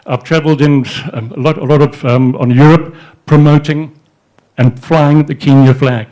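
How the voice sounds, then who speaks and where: His voice sits on the high side, warm and fairly even in intonation, at a moderate pace. Standing before a banner in an indoor event room, the older entrepreneur gives an informal, rambling speech to a society audience through a handheld mic, full of restarts and fillers, his free hand gesturing.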